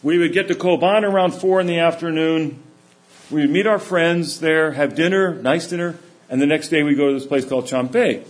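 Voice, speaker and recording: A middle-aged man giving a sermon, telling stories in a relaxed, conversational way. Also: fairly high pitch, moderate pace. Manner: anecdotal, conversational storytelling. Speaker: preacher. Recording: echoey room.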